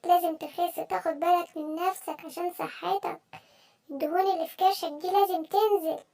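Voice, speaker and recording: A woman voicing an encouraging cartoon animal friend with an Egyptian Arabic accent, coaxing and cheering softly. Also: very high-pitched, steady tone, brisk, gravelly. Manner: coaxing, cheering, softer and gentler. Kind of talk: children's cartoon voice acting.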